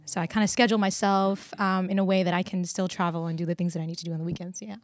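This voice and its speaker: A woman's voice: fairly low pitch, rapid-fire, no echo, clean studio sound. A woman in her twenties from Burma, a singer and nurse, chatting casually as a podcast guest. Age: 20s. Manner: relaxed, chatty, laughs easily. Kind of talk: casual interview chat. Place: small indoor studio set on a couch. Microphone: handheld microphone.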